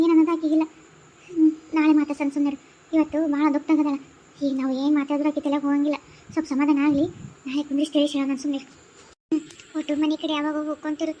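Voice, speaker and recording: A woman's voice: high-pitched, mellow, pitched below the performer's own voice, lightly acted. A woman with a North Karnataka accent voicing a firm, consoling elder woman in a cartoon who gives soothing counsel. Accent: North Karnataka Kannada.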